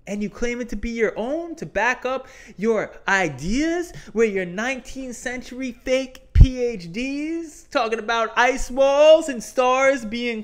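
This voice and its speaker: Man doing a high-pitched, slow-burning wrestling promo. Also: heavily acted. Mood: outraged. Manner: theatrical, emphatic, confrontational, with slangy rhetorical questions. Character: indignant, taunting male wrestler cutting a promo against flat earthers. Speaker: geography teacher. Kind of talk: wrestling promo parody of a science lecture.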